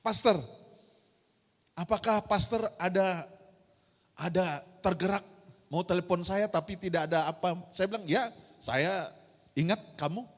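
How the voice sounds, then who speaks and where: A woman's voice: fairly low pitch, a little slow, long pauses. A woman pastor preaching an emphatic sermon, firing rhetorical questions at her congregation in a large church hall. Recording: long church-hall reverb.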